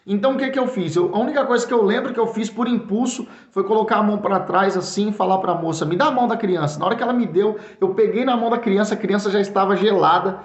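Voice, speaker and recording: A man's voice: high voice, fast, few pauses. A man with a São Paulo Brazilian accent preaching earnestly, repeating his words and stumbling over fillers as he calls the listener brother. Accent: Brazilian Portuguese, São Paulo. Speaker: pastor, Bible teacher. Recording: echoey room, dull lo-fi sound.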